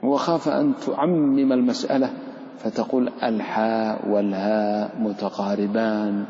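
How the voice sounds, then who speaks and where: Gravelly, dark-voiced sheikh teaching recitation. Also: male voice, fairly low pitch, steady tone, normal speed. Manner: stretches out example words, asks students questions. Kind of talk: classroom explanation of tajweed verses. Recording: roomy, echoey lo-fi hall recording.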